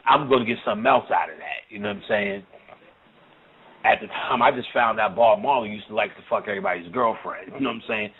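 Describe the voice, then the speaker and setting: Man lecturing over tinny phone-like audio. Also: medium pitch. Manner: loose, profane storytelling with frequent "you know what I'm saying". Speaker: occult lecturer. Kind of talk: casual spoken lecture.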